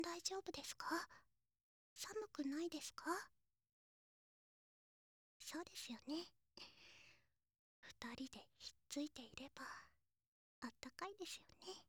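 A woman's voice: sits high, no echo, clean studio sound. A woman voicing a devoted, sweet young maid in an intimate ASMR role-play, speaking politely and clingingly to her master. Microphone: close mic in a dry room.

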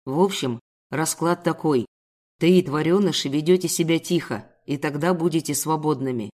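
A woman voicing a tall male kidnapper who speaks in a gruff, contemptuous way, lowering her voice to play him. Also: moderate pace, darkish tone. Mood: sneering. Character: menacing tall male kidnapper, sneering and cold.

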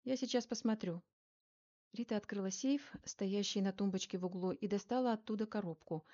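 A woman reading first-person narration for an audiobook, measured and even. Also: mid-range voice, highs cut off.

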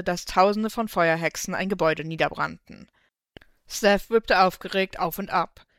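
A woman reading a fan story aloud in steady, even narration, close to the microphone. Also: medium pitch, no echo. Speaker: fanfiction reader.

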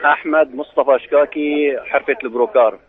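A man's voice: fairly high pitch, steady tone, fast. A man with a Syrian Arabic accent, a craftsman, answering in a live radio interview over a muffled line. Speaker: brocade craftsman being interviewed.

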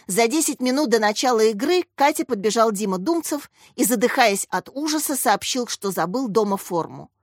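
Storybook narrator, woman, lively and expressive, a touch high. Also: normal speed, hardly any pauses, no echo, clean studio sound. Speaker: audiobook narrator.

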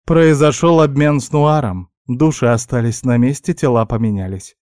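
A squeaky, fussy little guinea pig lady, as a man puts her on, loud and quick to scold. Her voice sits far above a grown man's and stays dark and dry, like a storybook pet with a big temper. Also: no echo, close to an everyday voice. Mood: exasperated. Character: bossy shrill female magic guinea pig familiar. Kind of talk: audiobook character voice.

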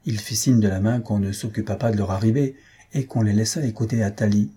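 A man narrating a comic story for an audiobook, steady and even. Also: on the low side, brisk, husky.

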